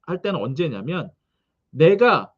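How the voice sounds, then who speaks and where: A man preaching a sermon, reading scripture and telling its background in an animated way, with frequent questions to the congregation. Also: on the high side, measured pace, slightly rough, lo-fi sound. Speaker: pastor.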